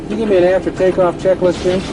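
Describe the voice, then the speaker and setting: A man's voice: sits high, level tone, background noise, close to an everyday voice. A man playing a bossy pilot barking cockpit orders. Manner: rapid-fire cockpit orders, nagging. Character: bossy airline captain flying through an engine emergency. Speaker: airline captain in a training video. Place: flight simulator cockpit.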